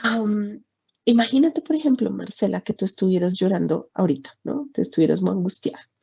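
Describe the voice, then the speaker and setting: A woman, calmly explaining emotions to parents in a workshop talk. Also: mid-range voice, fairly quick, vocal fry, slight background noise. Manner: calm, explanatory, addresses the moderator by name. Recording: dull lo-fi sound.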